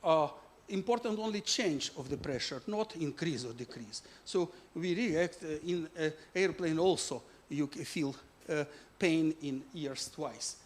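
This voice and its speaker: A man from Ukraine presents his physics book in a talk. His voice sits a little high. He speaks halting English and keeps pausing on "uh" as he hunts for words. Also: slight background noise. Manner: halting non-native English with many "uh" fillers.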